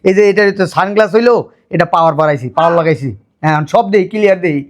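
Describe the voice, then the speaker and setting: Fast, high-voiced rustic man. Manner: loud, scolding, rustic. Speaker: brother in a family skit. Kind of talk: Bangladeshi village drama acting.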